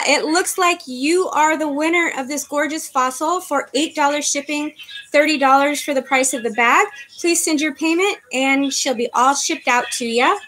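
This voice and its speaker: Her voice sits high and sounds fairly bright. A woman in her fifties, she hosts a live online auction of handbags from her home living room, using a webcam in front of her while she chats, calls bids, and thanks viewers by name.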